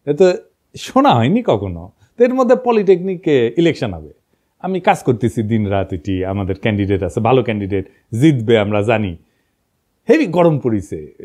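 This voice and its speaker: This political commentator and online host is a middle-aged man whose voice sits at medium pitch with a dark tone and a northern Bangladeshi accent. His commentary is informal and derisive, full of stories and rhetorical questions.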